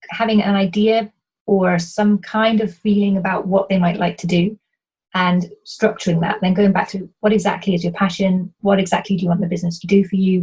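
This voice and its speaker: Here a woman from Wales, a business coach, responds to interview questions with earnest explanations, often starting sentences over. Her voice is medium-pitched, a little mellow and husky, her light British accent keeps Welsh tones toned down, and the recording is rough.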